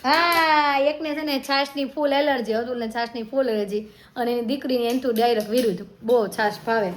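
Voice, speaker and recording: Mom narrating home vlog on a phone, fond and talkative with the kids, slightly high voice, light background hiss. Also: female voice, fairly even intonation, brisk. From India. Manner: chatty, affectionate, coaxing the children. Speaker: family vlogger. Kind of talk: casual family vlog narration. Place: family home.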